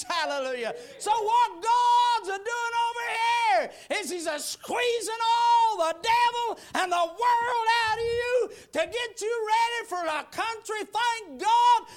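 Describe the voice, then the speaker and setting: His voice strikingly high and swooping, a sixty-something preacher delivers a sermon that climbs through repeated lines into shouted praise before settling into soft, homespun asides. He's unhurried, drawing out the big words.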